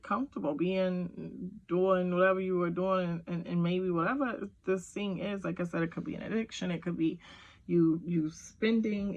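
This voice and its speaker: Woman doing a casual tarot reading, kinda gravelly, lots of ums, talks straight to u. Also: fairly low pitch, rough recording. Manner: rambling, filler-heavy, talks to viewer directly. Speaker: tarot reader. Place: at home with kids nearby.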